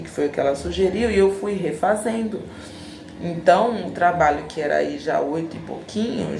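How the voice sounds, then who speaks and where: Brazilian woman in her 40s, deep gravelly voice, emotional storytelling vlog, echoey room. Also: darkish tone, a little hiss or hum. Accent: Brazilian, São Paulo. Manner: emotional, reflective, re-enacts dialogue. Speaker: braider telling a personal story. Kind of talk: casual personal storytelling.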